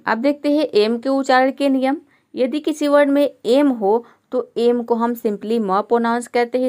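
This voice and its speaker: This woman's voice sits fairly high and sounds a little mellow. She teaches English pronunciation one step at a time, explaining every letter with patience and asking her students rhetorical questions.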